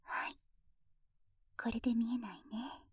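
A woman voicing a playful, teasing young lover in an intimate audio drama, whispering softly close to the microphone. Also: on the high side, steady tone, unhurried, slightly rough, no echo, lo-fi sound. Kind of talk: intimate whispered ASMR roleplay.

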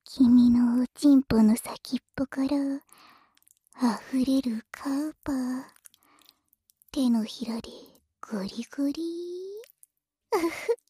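A playful newlywed wife who casts magic, voiced by a woman, whispering right at your ear in an audio roleplay. her voice is high but warm and very breathy, and she takes her time, drawing out each teasing word. the recording is bone dry and intimate, as if from a close mic. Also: slow pace, long pauses, no echo, heavily acted.

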